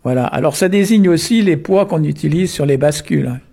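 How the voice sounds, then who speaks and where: A man, unhurried and full of tag words, explaining the origins of words. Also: fairly high pitch, creaky, mellow, slightly rough. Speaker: Breton language explainer. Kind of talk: explanatory talk on word origins.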